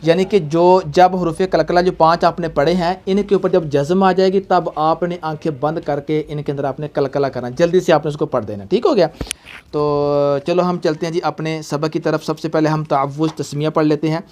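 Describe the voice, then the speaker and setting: A man with a Pakistani Urdu accent teaching a Quran reading lesson, patiently spelling out sounds slowly and often checking that the student follows. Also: on the high side, steady tone, darkish tone. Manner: patient, repeats checks like "okay?", slow drawn-out spelling for the child to echo. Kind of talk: recorded online reading lesson.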